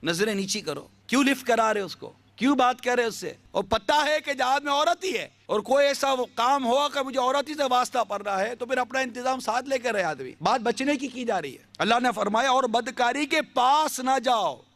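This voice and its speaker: A man's voice: very high-pitched, expressive, a little fast, few pauses, a bit bright, dry recording. A male preacher giving an impassioned sermon, full of rhetorical questions.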